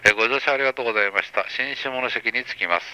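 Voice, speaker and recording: A man working as train conductor, giving brisk, formal announcements with small hesitations over an onboard speaker. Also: medium pitch, pushed and bright, smooth, low-quality recording.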